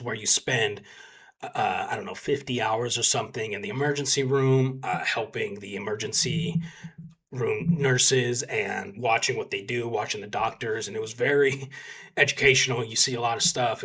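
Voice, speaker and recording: A man's voice: fairly low pitch, moderate pace, breathy edge. A young man from Texas, a volunteer combat medic, telling his story in a rambling, casual way full of fillers. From Texas, United States. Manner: rambling, filler-heavy, animated when quoting others.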